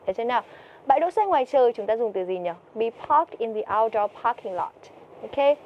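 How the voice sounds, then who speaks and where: Bright-voiced woman teaching English vocabulary. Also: fairly high pitch, lively intonation, a little fast, highs cut off, a little hiss or hum. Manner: asks questions and answers them herself. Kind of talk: TOEIC vocabulary lesson.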